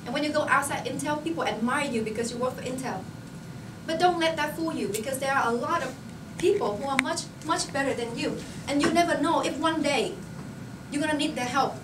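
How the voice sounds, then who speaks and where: A woman's voice: high-pitched, a little fast. A young woman giving a motivational speech to her colleagues. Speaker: company employee addressing colleagues. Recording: roomy, noisy recording from far off.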